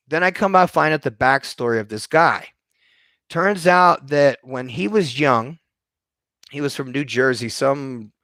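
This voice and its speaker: A man's voice: medium pitch, a bit bright, no echo, clean studio sound. A middle-aged man telling a long story in a casual, rambling monologue, swearing freely and leaning on fillers. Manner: rambling, profane, conversational; frequent fillers like "you know what I mean". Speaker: storyteller vlogger.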